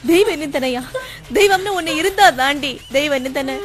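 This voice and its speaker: A woman's voice: sits high, moderate pace, natural voice. A woman playing a young widow who speaks tearfully and defiantly. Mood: bitter. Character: young widow, grieving and bitter.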